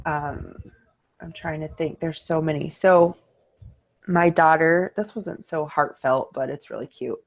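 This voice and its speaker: A middle-aged woman co-hosting a podcast, telling a story in casual chat and acting out the quoted lines in a higher voice. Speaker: podcast co-host.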